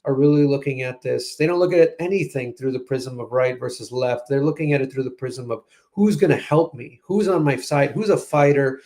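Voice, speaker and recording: A man with a medium-pitched, slightly mellow voice talks at normal speed with hardly any pauses. Appearing as a strategist guest in a political commentary interview, he analyzes politics conversationally, often restarting sentences and using "you know" as a filler.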